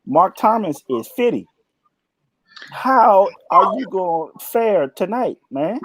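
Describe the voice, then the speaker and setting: Animated young man telling stories. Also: high-pitched, slow, slight background noise. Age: 20s. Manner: animated storyteller, playful teasing. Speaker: co-host. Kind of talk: casual chat.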